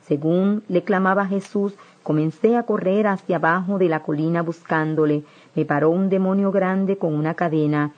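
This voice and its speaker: A woman's voice: lowish voice, steady tone, normal speed, hardly any pauses, dull audio. A woman earnestly narrating a religious testimony, pleading with her listeners.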